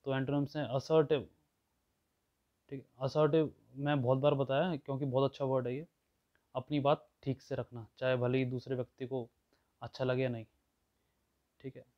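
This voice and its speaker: Guy explaining vocab words, mid pitch, keeps checking in, kinda muffled audio. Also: level tone, moderate pace, pauses often. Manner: explains words with everyday examples, often checks in with listeners. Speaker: vocabulary teacher. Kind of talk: explanatory lesson.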